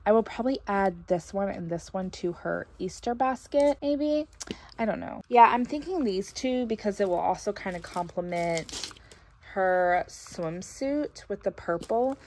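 A young woman narrating a casual haul video at home, thinking aloud as she sorts gifts, with a few soft laughs. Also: medium pitch, animated, unhurried. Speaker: vlogger. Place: carpeted room at home, indoors.

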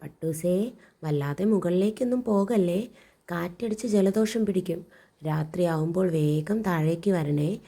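A woman voicing a young girl who fusses over her kite like a caring big sister, soothing and scolding it gently in a storybook reading. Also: lowish voice, unhurried. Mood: fussing.

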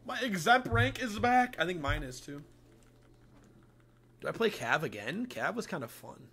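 A man's voice: sits high, very animated, unhurried, gravelly, pushed and bright, slight background noise. A young man chatting casually as a game streamer in a crude, slangy frat-bro manner with lots of swearing. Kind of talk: casual livestream gameplay chat.

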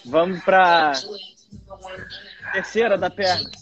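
A man's voice: sits high, slow pace, muffled recording, loud music behind the voice. A man coaching a workout, encouraging and calling out rep counts. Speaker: personal trainer.

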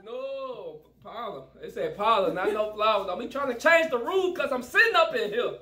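A man hosting a family vlog, joking loudly and laughing as he plays games with his kids at home. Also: very high voice, big pitch swings, moderate pace, a crowd in the background. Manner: loud, joking, laughs often. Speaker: family vlog host, father. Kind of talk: casual family game chat.

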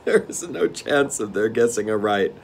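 A man voicing a petulant, vain male gnome king who is quick to anger and gleeful about his tricks. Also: lowish voice, animated, vocal fry, slightly rough, heavily acted. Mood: smug, gleeful.

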